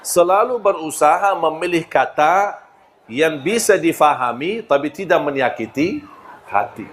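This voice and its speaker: A man giving a religious talk, telling personal stories in an animated way and often laughing. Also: on the high side, measured pace. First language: Arabic. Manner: animated storyteller who acts out quoted voices, laughing often.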